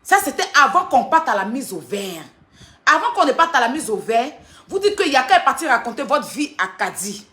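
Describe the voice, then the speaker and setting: A woman rants on a livestream, defending herself against critics. Her voice is high and bright, and her pitch swings widely as she retells the quarrel. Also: big pitch swings, moderate pace. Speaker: social media personality. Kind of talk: livestream rant addressing critics.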